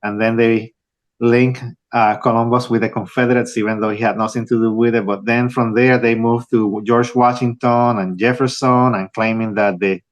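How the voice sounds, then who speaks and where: Halting man, author guest. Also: mid-range voice, little pitch movement. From Puerto Rico. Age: young adult. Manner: halting, many restarts and fillers. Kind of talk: interview answers.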